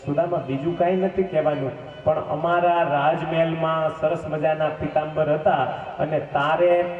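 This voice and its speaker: A male preacher voicing a kind, gentle divine king who speaks in a friendly, coaxing, teasing way. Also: a little high, steady tone, moderate pace, natural voice. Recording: echoey hall, distant mic, dull sound, faint music.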